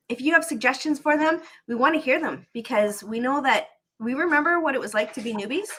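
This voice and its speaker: A high-pitched woman with a sharp tone runs a live real-estate investing show via video call. Chatty, upbeat, and prone to repeating herself, she talks with a candy in her mouth and a slightly scratchy, irritated throat.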